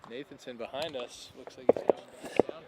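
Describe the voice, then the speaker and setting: A man co-commentating a school tennis match outdoors, relaxed, bantering and asking his partner questions. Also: medium pitch, fairly quick. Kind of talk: casual play-by-play commentary. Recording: clear outdoor background noise.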